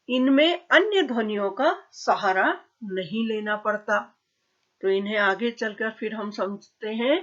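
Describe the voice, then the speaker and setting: A woman teaching a grammar lesson at a slow, deliberate pace, in a somewhat high voice. She asks questions and answers them herself, and the recording sounds dull and lo-fi. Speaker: school teacher.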